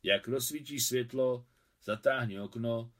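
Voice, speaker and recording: A man's voice: medium pitch, voice pushed up, close to an everyday voice. A man reading aloud, voicing a kindly old male watchman who talks in a plain, reassuring way.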